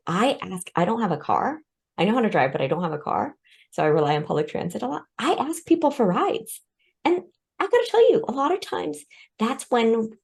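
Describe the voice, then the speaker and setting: A woman's voice: lowish voice, creaky, darkish tone, husky. A woman born in Vietnam and raised in the United States, a guest in an interview, explaining her ideas through studies and personal stories with light laughter. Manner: light laughs between points. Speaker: guest expert on respect. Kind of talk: conversational interview.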